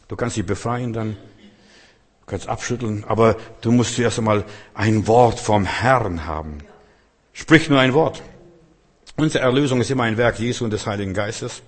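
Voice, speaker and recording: Guy preaching a sermon, husky voice, goes loud then quiet, talks right at you, big echoey church sound. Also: mid-range voice. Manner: emphatic, swings between loud declarations and hushed lines; addresses listeners directly and intimately. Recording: long hall reverb.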